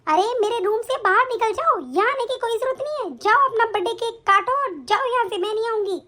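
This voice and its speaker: A woman voicing an angry, defiant young bride in an animated story. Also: very high-pitched, normal speed. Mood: snappish. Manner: snappish, defiant.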